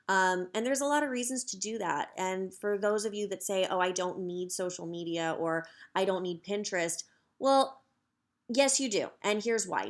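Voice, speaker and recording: An upbeat woman in her thirties talks straight to camera, pitching her coaching program. Her pitch sits in a middle range, and her delivery is chatty and easygoing, with plenty of ums and asides. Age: 30s. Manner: upbeat, chatty, many fillers. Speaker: social media coach. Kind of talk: direct-to-camera sales pitch.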